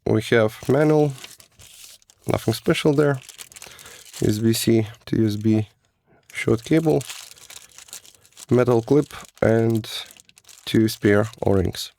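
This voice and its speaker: A man who says he is still sick, giving a casual, halting product review of a flashlight. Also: medium pitch, gravelly, a little mellow. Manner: hesitant, halting, non-native phrasing. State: sick, rough voice.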